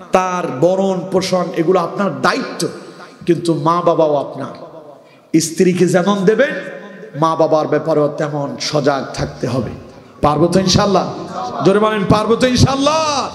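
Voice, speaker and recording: High-voiced preacher in an echoing hall. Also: male voice. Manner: sing-song Quran recitation, rousing calls to the crowd. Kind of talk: Bengali waz sermon. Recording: echoey long-reverb hall.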